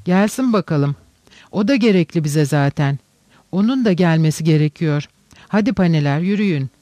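A man voicing a reckless, feverish young male gambler who blusters and shouts. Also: a little high, lively intonation, no echo, natural voice. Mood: bold. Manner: loud, blustering, quick to shout.

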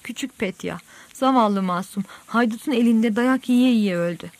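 Woman reader doing a grief-crazed old lady, a bit high, wailing. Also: normal speed, dry recording, close to an everyday voice. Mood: horrified lament. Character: frightened old woman, half mad with grief. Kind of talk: audiobook reading.

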